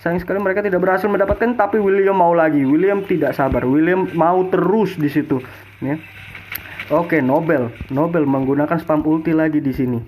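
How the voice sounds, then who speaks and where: High-pitched excited male esports game announcer. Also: fairly quick, a little hiss or hum, poor audio. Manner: excited, repeats names and calls, throws out rhetorical questions. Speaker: esports commentator. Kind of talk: fighting game announcer style play-by-play commentary of a mobile game match.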